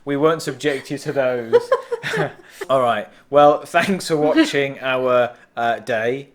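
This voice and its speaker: Male vlogger, dry teasing wit, mid pitch, casual evening chat. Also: takes it slowly. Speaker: vlogger host. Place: room at night.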